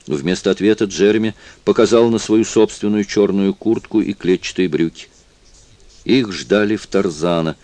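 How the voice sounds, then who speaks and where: A man narrating a novel with a steady, expressive reading. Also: low voice, dry recording. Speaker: audiobook narrator. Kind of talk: scripted narration.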